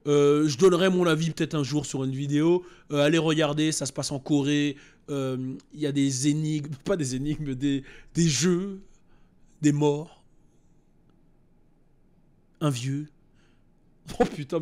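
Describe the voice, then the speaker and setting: A man with a high voice rants in a loose, casual way as he reacts on stream. He swears freely, breaks into mimicked voices, and keeps the energy up throughout. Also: a little mellow. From France.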